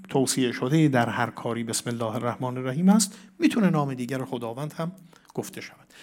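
A man's voice: medium pitch, darkish tone. A man giving a religious lecture on a Quran verse, reciting Arabic verses and putting questions to his listeners that he answers himself. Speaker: cleric teaching Quran commentary.

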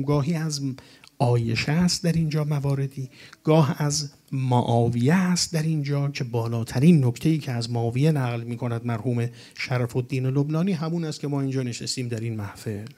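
A man preaching to a gathering, delivering a religious lecture in an emphatic way and reciting Arabic quotations. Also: mid-range voice. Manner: emphatic, rising to animated peaks with Arabic quotations.

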